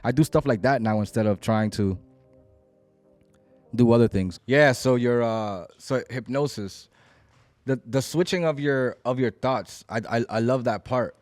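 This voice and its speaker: A man's voice: mid-range voice, a little slow, a little mellow, no echo, soft background music. A man in his late thirties hosting a podcast, chatting casually and reflectively, swearing freely. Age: 30s. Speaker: podcast host. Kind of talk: casual chat.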